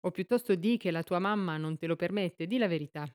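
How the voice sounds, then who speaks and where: A woman's voice: mid-range voice, animated, brisk, a little mellow, natural voice. A woman reading aloud, voicing a cocky, scornful teenage boy with a mocking, swaggering way of talking.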